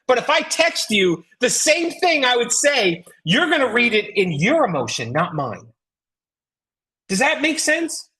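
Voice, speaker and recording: Her voice fairly high, sing-song, bright, and forceful with a breathy edge, an American-accented network marketing trainer gives a motivational sales coaching talk at a measured pace. She's emphatic and folksy and leans on rhetorical questions.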